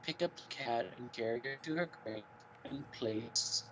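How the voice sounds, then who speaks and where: A man streams a visual novel, reading its story text aloud, bantering, and cooing baby-talk at the cats on screen. His mid-range voice is fairly bright and moves at a measured pace. The lo-fi recording sounds dull, with faint music and slight background noise.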